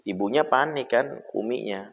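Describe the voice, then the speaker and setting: A man, an Islamic preacher, giving a casual parenting talk and telling a story in an animated, conversational way. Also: mid-range voice, normal speed, gravelly. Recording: echoey hall, dull lo-fi sound.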